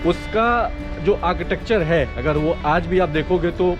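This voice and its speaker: A man's voice: a little high, unhurried. Young Indian male travel vlogger, chatty, code-switching narration, dull recording with music behind. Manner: mixes Hindi with English, guides the viewer chattily. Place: outdoors on city streets. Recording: muffled with music under it.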